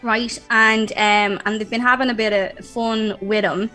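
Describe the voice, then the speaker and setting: A woman chatting casually as a guest, talking quickly and laughing often. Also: on the high side, fairly even intonation, bright, forceful tone, faint music behind. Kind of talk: casual chat.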